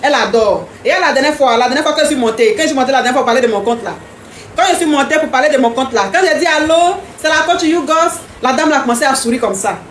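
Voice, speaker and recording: A woman's voice: high voice, fast, roomy sound, slight background noise. A woman hosting a live stream, chatting casually and teasingly with viewers, repeating herself often. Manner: repetitive, teasing, talks straight to commenters.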